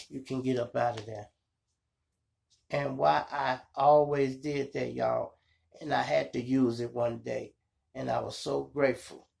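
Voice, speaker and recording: A storytelling podcast host from Chicago, United States, with a Chicago accent and a gravelly, medium-pitched voice casually tells street stories to his viewers. His animated retelling is slangy and profane, and he acts out dialogue and sound effects.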